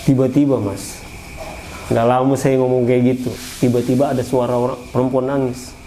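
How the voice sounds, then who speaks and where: A man recounting his own eerie experience in a casual, animated way, often repeating phrases and addressing the listener. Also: mid-range voice, normal speed, a little hiss or hum, poor audio. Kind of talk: casual first-person ghost story.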